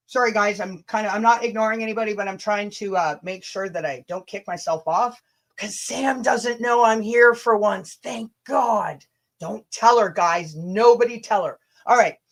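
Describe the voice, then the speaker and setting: Here the Canadian host's voice sits on the high side, unhurried and fairly bright. Her livestream blends easygoing chatter with theatrical email readings, and her tone is sarcastic, blunt, and sweary.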